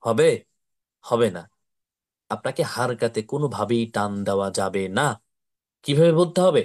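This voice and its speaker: A man teaching how to read the Quran, slowly repeating syllables and asking his pupils to say them with him. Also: medium pitch, animated. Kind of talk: slow drilling lesson with repetition.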